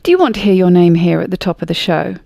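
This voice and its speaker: A woman with a lowish, mellow voice hosts a podcast, talking quickly with lively intonation and some vocal fry. She reads a scripted intro, then chats with her guest in an upbeat, friendly manner. The audio is dull but has no echo.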